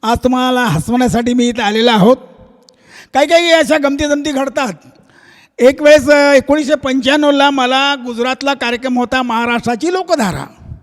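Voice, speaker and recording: High-voiced comedian telling a story on stage. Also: male voice, moderate pace. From Nanded, Maharashtra. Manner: animated, acts out voices and sounds. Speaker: comedian and shahir. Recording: long stage-hall reverb.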